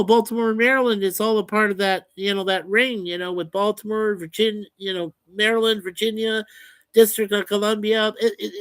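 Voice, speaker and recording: A man's voice: high-pitched, fairly bright tone, no echo. Guy reading chat on his stream, folksy and chatty, dry close sound. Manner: reads viewer comments aloud, chatty and folksy. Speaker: livestream host reading chat. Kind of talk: casual chat.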